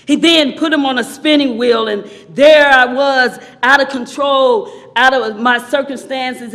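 A woman preacher telling a sermon story with dramatic swings between hushed and loud delivery. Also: sits high.

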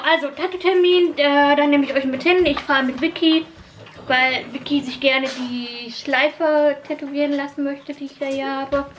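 A woman in her thirties with a fairly high voice, talking casually as a vlogger. She is recorded on a camera in a home kitchen, with some noise on the sound. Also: a bit bright.

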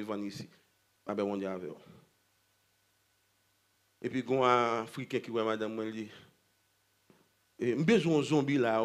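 High-voiced preacher, shouting and hushing. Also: male voice. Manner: swings between shouting and hushed storytelling. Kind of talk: sermon. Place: church convention.

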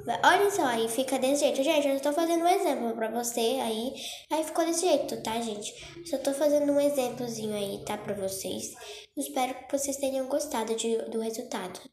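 Chatty and slightly stuffed up from a cold, this Roblox youtuber with a Brazilian Portuguese accent guides viewers through a phone game, peppering her speech with "gente" and "tá?". She has a high, darkish voice at normal speed, recorded in an echoey room with music behind.

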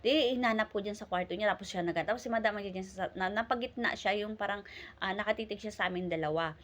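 A woman's voice: mid-range voice, fast talker, a bit bright. A woman from the Philippines working as a domestic helper, chatting animatedly to her viewers while she cleans her employer's apartment. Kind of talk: casual storytelling vlog.

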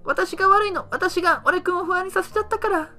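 A man's voice: very high voice, steady tone, rapid-fire, sharp tone, soft background music, pitched above the performer's own voice. A man voicing a tearful, clingy young woman girlfriend in a dating game, whimpering and pleading. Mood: sobbing. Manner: whimpering, sobbing pleas.

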